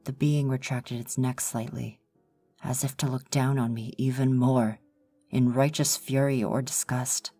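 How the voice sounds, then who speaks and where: Woman narrator, ASMR horror reading; deep, mellow, measured, formal delivery. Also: level tone, faint music behind.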